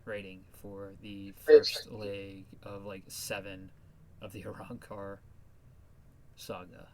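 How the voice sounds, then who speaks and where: A man's voice: fairly low pitch, little pitch movement, takes it slowly, a little hiss or hum. A man hosting a casual podcast chat, laid-back and hesitant, with many fillers. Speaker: podcast host.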